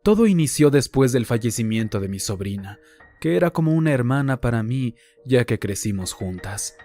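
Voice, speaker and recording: A man narrates real-life horror accounts in a measured, hushed delivery. His voice sits at an ordinary middle pitch, and faint music plays underneath. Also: sing-song. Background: faint background music.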